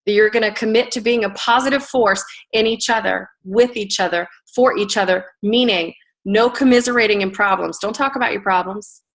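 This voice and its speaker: A middle-aged woman coaching a group on a call, giving an energetic tough-love motivational talk. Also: mid-range voice, fairly quick. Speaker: business coach.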